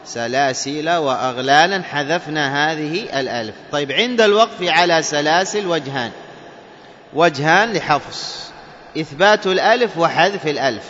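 A man's voice: a little high, lively intonation, a bit bright. Man teaching recitation in a reverberant hall. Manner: explains slowly, asks and answers his own questions, chants verses. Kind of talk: tajweed lesson with chanted examples. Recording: dull reverberant hall recording with faint noise.

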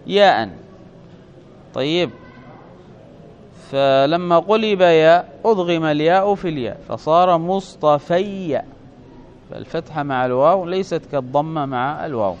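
A man teaching a classroom grammar lesson, explaining step by step and often checking with his students, drawing out his example words slowly. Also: fairly high pitch, smooth. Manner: slows and stretches example words. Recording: dull lo-fi classroom recording.

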